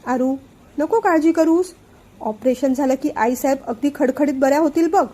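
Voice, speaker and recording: A woman voicing a worried, protective grown son in a family storybook reading, speaking lower and softer than her narration. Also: moderate pace, natural voice. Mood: reassuring.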